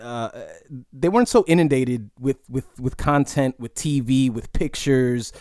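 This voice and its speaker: A man's voice: medium pitch, unhurried, a little mellow, no room sound, studio quality. A man, hosting a casual solo podcast and musing in a reflective, rambling way full of "you know" asides. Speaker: podcast host.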